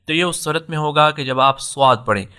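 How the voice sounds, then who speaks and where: Male tajweed teacher, patient and explanatory, bright clear tone. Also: fairly high pitch. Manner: patient, explanatory, repeats key points. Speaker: Quran recitation teacher. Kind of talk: tajweed lesson with slow recited examples.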